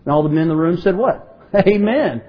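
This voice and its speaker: A man's voice: fairly high pitch, steady tone, fast, breathy edge, highs cut off. A man preaching a sermon to a congregation, asking rhetorical questions and prompting his listeners to respond.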